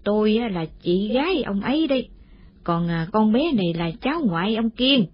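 A talkative old village woman, as a woman narrator puts her on, with a husky voice that drifts and drags out her words. Her tale wanders along in a slow, gossipy way. The audio is dull and lo-fi. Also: medium pitch, animated, dry recording, natural voice. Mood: eager. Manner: rambling, drawn-out storytelling with fillers. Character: chatty old village woman, sister of the widower. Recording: muffled lo-fi audio.

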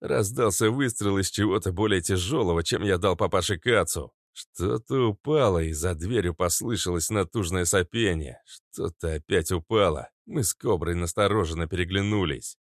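A man's voice: sits low, moderate pace, hardly any pauses, no echo, studio quality. A man reading a first-person audiobook in a wry, sardonic tone. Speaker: audiobook narrator.

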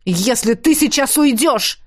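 A woman's voice: high voice, lively intonation, measured pace. A woman voicing a desperate male dragon who pleads and commands urgently, in a storybook reading.

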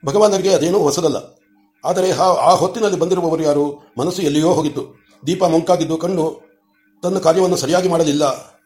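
A man reading a novel aloud at a steady pace, repeating words to fix small slips. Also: a little high, fairly quick, soft background music. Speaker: audiobook reader. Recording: roomy echoey room.

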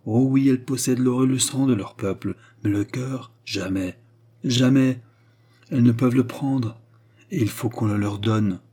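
A man's voice: mid-range voice, unhurried, mellow, slightly rough. A man reading a proud, anguished queen of France in an audiobook, pleading with impassioned speech.

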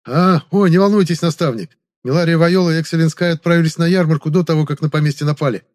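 A man's voice: a little high, fast, a little mellow, pitched above the performer's own voice, natural voice. A man voicing an anxious, deferential male magister who reports to his mentor. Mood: flustered.

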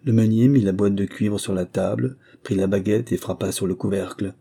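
Deep, dark-toned storyteller man. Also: steady tone, normal speed, vocal fry, husky. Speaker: narrator. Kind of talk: scripted audiobook narration.

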